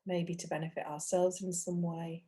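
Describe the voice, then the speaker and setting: Leading a guided meditation, a woman speaks in a mellow, soft-edged voice pitched fairly low, her tone level. She is gentle and unhurried, letting long silences fall between her short phrases.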